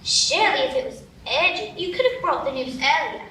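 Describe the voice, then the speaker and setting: Alice, a woman playing a very high curious girl. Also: lively intonation, brisk, pushed and bright. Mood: puzzled. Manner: prim, questioning, well-mannered. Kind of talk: live radio play acting. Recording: echoey hall, distant mic, noisy.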